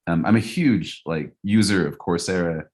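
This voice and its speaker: Podcast co-host, male, very low voice, reflective and loose-spoken. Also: normal speed, a little mellow. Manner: reflective, loose with frequent "like" and "you know". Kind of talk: casual podcast chat.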